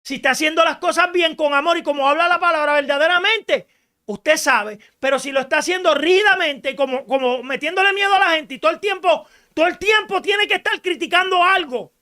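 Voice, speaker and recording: Emphatic, bright-voiced woman radio preacher. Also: very high-pitched, fairly quick. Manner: emphatic preaching, rises to shouts, rhetorical questions. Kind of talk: radio sermon.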